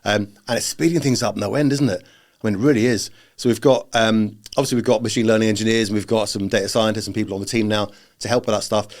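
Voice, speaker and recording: Brief: male British podcast co-host, low-pitched, rambling casual chat with many ums and restarts. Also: fairly even intonation, fast talker. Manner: rambling, full of fillers and restarts.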